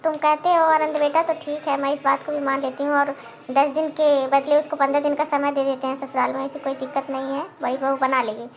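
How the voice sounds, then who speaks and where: A woman's voice: high voice, little pitch movement, a little fast. A woman voicing a stern mother-in-law in a cartoon, speaking firmly and commandingly. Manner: firm, commanding. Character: stern, bossy mother-in-law, head of the house. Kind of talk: cartoon voice acting.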